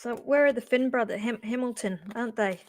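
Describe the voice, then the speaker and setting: A chatty middle-aged woman hosts a live-stream psychic reading from home, her voice sitting a little high. She thinks aloud, breaks off mid-phrase and restarts with fillers as she goes. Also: fairly quick, darkish tone, slight background noise. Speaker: psychic reader.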